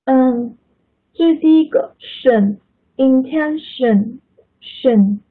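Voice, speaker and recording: A woman's voice: high-pitched, very slow. A woman teaching English pronunciation in an online class, patiently correcting students and calling on them by name over video call. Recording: tinny online call audio.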